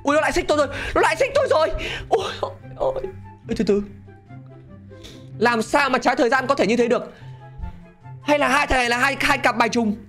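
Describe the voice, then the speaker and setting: A man giving excitable gameplay commentary, laughing often and talking straight to his viewers. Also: very high-pitched, quick pace, pauses often, soft background music. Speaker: gaming channel host.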